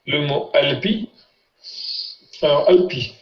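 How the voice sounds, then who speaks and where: A man's voice: fairly high pitch, slow pace. A man teaching a language lesson, patiently quizzing his students. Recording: roomy, muffled lo-fi sound.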